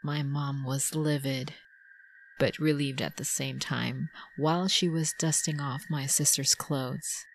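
Casting: woman, middle-aged, Filipino accent, deep and unhurried, dramatic host for spooky tales. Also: fairly even intonation, slight background noise. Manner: measured, dramatic storytelling delivery. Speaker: storyteller host. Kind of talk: scripted spooky story narration.

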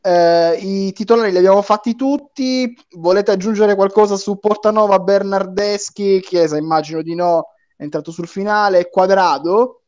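A man's voice: high-pitched, steady tone, moderate pace, darkish tone, dull audio. A man hosting a casual live football chat, bantering and often repeating his phrases. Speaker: host of a football talk live stream.

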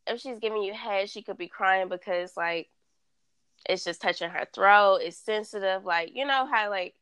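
A woman hosting a casual chat, reading dating scenarios aloud at a slow, deliberate pace and laughing often. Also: mid-range voice, fairly bright tone, clear, resonant tone, dry recording. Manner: reads questions slowly, laughs often.

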